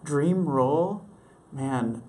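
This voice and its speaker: A man's voice: a little high, animated, drawn-out words, mellow. A young man from Mexico, a stage actor, answering interview questions in an eager, earnest way and laughing easily. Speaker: Broadway actor, interview guest. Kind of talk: casual interview chat.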